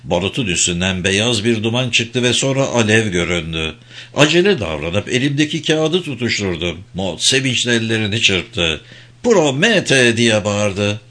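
A man narrating a first-person audiobook in an expressive reading style. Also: fairly low pitch.

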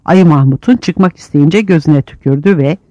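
A man narrating an audiobook with vivid, expressive reading. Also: fairly high pitch, moderate pace, no room sound, dull audio. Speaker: audiobook reader.

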